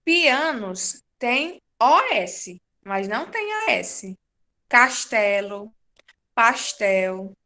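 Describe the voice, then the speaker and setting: A woman teacher, giving a patient, slow-paced class to young children and confirming their answers. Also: on the high side, sing-song, sharp tone. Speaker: primary school teacher.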